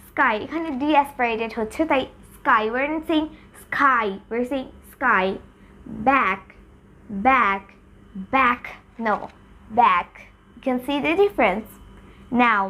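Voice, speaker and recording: A young woman teaches pronunciation, moving between Bengali and English. She repeats single sounds and words one by one to model them. Her voice is high and swings widely, and her pace is very slow and deliberate. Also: sharp tone. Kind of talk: bilingual pronunciation lesson.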